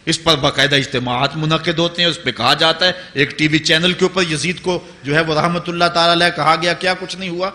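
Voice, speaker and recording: A male preacher giving an impassioned sermon, building to emphatic peaks and slowly chanting Arabic quotations. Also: fairly high pitch, fairly even intonation, bright, forceful tone. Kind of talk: Urdu religious sermon. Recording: long hall reverb.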